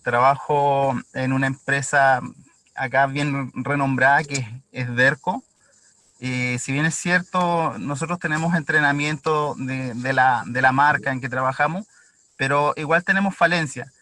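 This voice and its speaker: Male mechanic, hesitant testimonial; bright tone, dry close sound. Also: mid-range voice, fairly even intonation, a little slow, no room sound. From Chile. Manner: hesitant, tags lines with "¿ya?". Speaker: student mechanic giving testimonial. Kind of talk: casual testimonial. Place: inside a car at a workshop.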